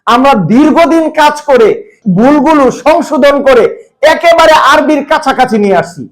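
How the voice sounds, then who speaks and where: A man speaks in a strikingly high register. He talks the listener through printed pages, stopping to read recited lines slowly and point out each error. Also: lively intonation, poor audio. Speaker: publisher's presenter. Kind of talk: product demonstration.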